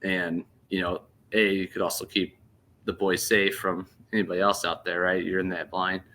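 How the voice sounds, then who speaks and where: A man in his thirties casually telling a hunting story on a podcast, animated and laughing as he goes. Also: sits low, normal speed. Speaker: podcast host.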